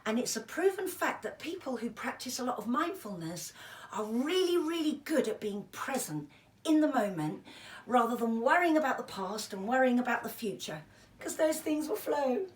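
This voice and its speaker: High-voiced woman, chatty and encouraging, echoey room. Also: sing-song, normal speed. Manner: chatty, self-deprecating, encouraging. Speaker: mindfulness and breathing teacher. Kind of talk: informal instructional video, chatty demonstration. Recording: roomy echo, distant microphone.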